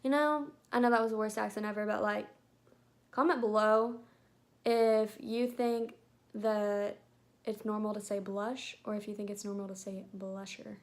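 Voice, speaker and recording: A woman's voice: medium pitch, flat delivery, normal speed. A young woman chatting casually about makeup, rambling with lots of filler words. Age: young adult. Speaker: beauty vlogger. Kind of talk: casual chat.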